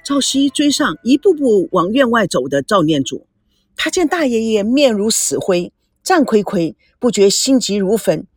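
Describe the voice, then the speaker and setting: A woman narrating a novel as an audiobook, expressive and voicing the young characters too. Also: a little high, moderate pace, slightly rough, no room sound, clean studio sound, faint music behind.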